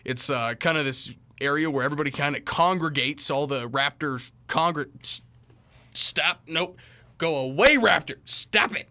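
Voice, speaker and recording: Bright-voiced man joking through sports talk. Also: fairly high pitch, moderate pace. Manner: animated, jokey, self-mocking asides. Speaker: host. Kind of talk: comedic sports commentary vlog.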